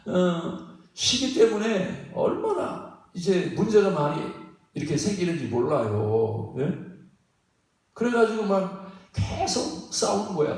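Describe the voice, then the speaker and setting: Lively pastor preaching in an echoey church. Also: male voice, on the high side, gravelly. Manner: folksy, repetitive, often prods the congregation with "예?"; chuckles between phrases. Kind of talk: sermon. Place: church sanctuary. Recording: very echoey hall, mic at a distance.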